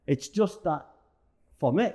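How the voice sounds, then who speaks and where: This interview guest, a longtime amateur pantomime performer who is middle-aged or older, speaks slowly in a warm, animated voice on the high side. His casual chat is colloquial and full of anecdotes, with frequent tag phrases.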